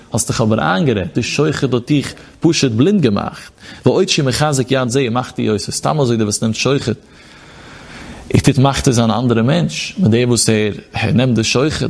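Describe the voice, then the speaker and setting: Gravelly man teaching a religious text. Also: a little high. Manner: reads quoted passages aloud, then explains them with emphatic rhetorical questions.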